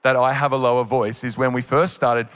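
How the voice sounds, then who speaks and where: A man in his thirties with an Australian accent preaches a sermon from a large church auditorium's stage as a worship leader, earnest and encouraging. His medium-pitched voice is bright, clear and resonant, moving little in pitch at a slightly fast pace. He speaks into a handheld mic, and the recording carries live hall reverb.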